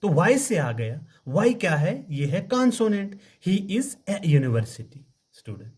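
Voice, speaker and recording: Man as a patient grammar teacher with a lively, rising and falling pitch, who quizzes and answers himself. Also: slightly rough. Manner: slow, spells words letter by letter, asks and answers his own questions. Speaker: English teacher. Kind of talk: classroom grammar lesson.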